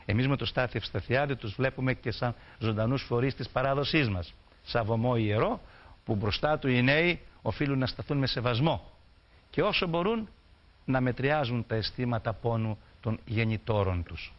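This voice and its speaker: A man's voice: mid-range voice, lively intonation. A man giving an explanatory lecture on folk songs, reciting dialect verses and then explaining them plainly. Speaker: folklore lecturer. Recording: dull lo-fi recording.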